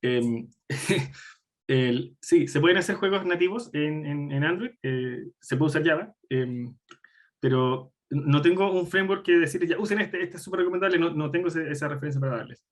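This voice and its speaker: A man's voice: a little high, moderate pace. Blunt man lecturing on game careers. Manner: blunt and frank, wry asides, many fillers. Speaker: guest lecturer on game development. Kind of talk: live online talk answering audience questions.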